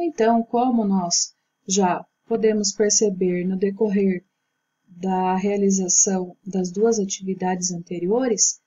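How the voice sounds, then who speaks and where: A woman teacher giving a recorded grammar lesson, explaining patiently and slowly. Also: mid-range voice, warm tone, husky, highs cut off. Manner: slow, patient explaining with slides.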